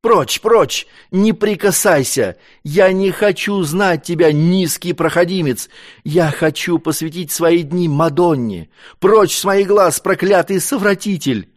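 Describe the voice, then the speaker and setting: A man's voice: a little high, measured pace, darkish tone, voice pushed up, lightly acted. Man voicing a hysterical despairing young woman. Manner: sobbing, pleading, hysterical. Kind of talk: audiobook character voice.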